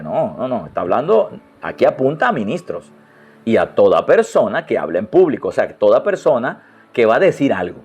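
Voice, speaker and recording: A male pastor preaching a sermon with lively exclamations and rhetorical questions, addressing his congregation directly. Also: medium pitch, highs cut off.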